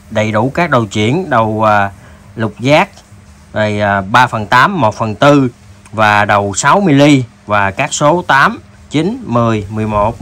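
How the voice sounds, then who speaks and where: A man with a southern Vietnamese accent giving a casual, halting sales demo, addressing viewers informally like buddies. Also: medium pitch, a bit bright, slight background noise. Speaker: tool seller presenting products.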